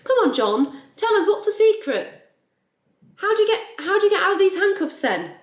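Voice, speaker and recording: A woman's voice: very high voice, sing-song, normal speed, voice pushed up. A woman voicing a brash, cocky teenage boy in a mocking impression. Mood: eager. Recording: roomy echo.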